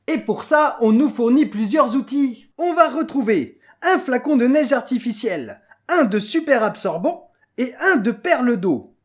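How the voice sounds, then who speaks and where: Casting : comédien faisant une mascotte non humaine pétillante, aiguë, qui explique des expériences à l'français. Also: high-pitched. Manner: bubbly, exclamatory, instructional. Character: cheerful nonhuman lab mascot calling viewers humans. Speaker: toy demonstrator. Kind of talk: scripted toy presentation.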